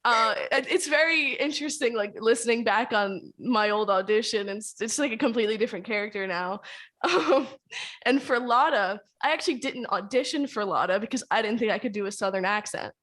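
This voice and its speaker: A woman's voice: fairly high pitch, a little fast, fairly bright tone. A woman from New Jersey, a musical theatre actor, chatting casually on a cast panel, candid and laughing at herself. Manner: laughing, candid and self-mocking. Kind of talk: casual chat.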